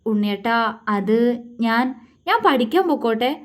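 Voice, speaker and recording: A woman voicing an affectionate, playful young wife who coaxes and teases gently. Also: a little high, lively intonation, moderate pace, natural voice. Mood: coaxing. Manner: coaxing, sweet and teasing.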